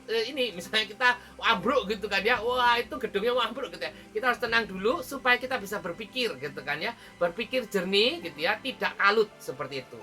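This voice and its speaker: A woman's voice: medium pitch, bright, forceful tone. A woman with an Indonesian accent giving a devotional sermon at a morning prayer meeting, talking in a loose conversational way with many filler tags and hesitations.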